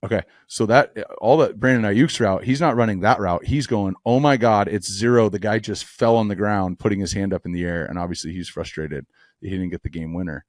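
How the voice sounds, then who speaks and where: Low-voiced man coaching through a play. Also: steady tone, brisk, no room sound, studio quality. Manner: coaching, walks through footwork step by step. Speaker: football podcast co-host. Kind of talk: film breakdown.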